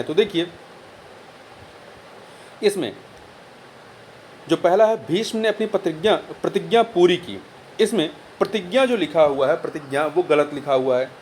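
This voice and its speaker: A man's voice: a little high, darkish tone, slight background noise. A man working through a Hindi spelling test as a tutor, repeating each word and spelling out the corrections. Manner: explains corrections by repeating words and spelling them out. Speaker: exam tutor. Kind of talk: exam answer walkthrough.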